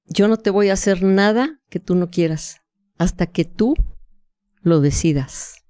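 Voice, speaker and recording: A woman voicing a patient, gentle young noble husband in her story who speaks in a soft, reassuring way. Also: fairly low pitch, a little slow, no echo, close to an everyday voice. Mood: tender.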